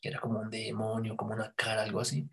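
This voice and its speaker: Low gravelly guy telling a story, kinda husky, trails off and hesitates a lot, goes all hushed and whispery when he quotes himself. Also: monotone, racing. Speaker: storyteller in a conversation. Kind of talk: casual spoken recollection.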